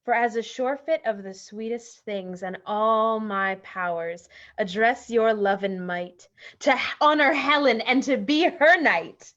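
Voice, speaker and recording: A woman playing an earnest young male lover, speaking Shakespeare's verse slowly and deliberately. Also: fairly high pitch, fairly bright tone, highs cut off. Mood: ardent. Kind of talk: Shakespeare reading.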